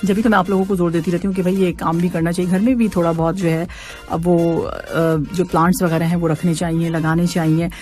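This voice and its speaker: A woman's voice: on the low side, steady tone, brisk, a little mellow, soft background music. A woman radio host chatting casually on air, reading out listener messages and laughing often. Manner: chatty, laughs often, mixes in English words. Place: radio studio.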